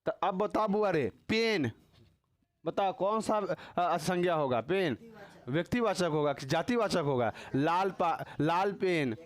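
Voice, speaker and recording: A man's voice: high-pitched, expressive, a little slow. A man teaching a casual grammar class, teasing and quizzing his students with constant tag questions.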